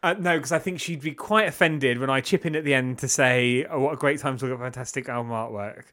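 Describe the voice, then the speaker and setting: Guy gushing about an album, bright tone, casual podcast chat. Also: mid-range voice, fast. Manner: enthusiastic, gushing. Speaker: podcast co-host. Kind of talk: casual music review chat.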